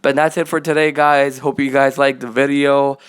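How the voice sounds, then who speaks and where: A young man hosting an anime reaction channel, recapping an episode in an excited, casual way, full of fillers and gushing asides. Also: mid-range voice, normal speed, smooth. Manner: animated, filler-heavy, gushing.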